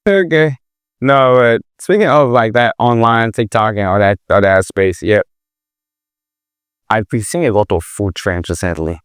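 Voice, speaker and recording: A man's voice: fairly low pitch, unhurried, smooth, dry recording, studio quality. A man from Nigeria with a Nigerian accent, hosting a casual chat in a joking, goofy way. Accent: Nigerian English. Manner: goofy, joking, switches registers. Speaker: podcast host.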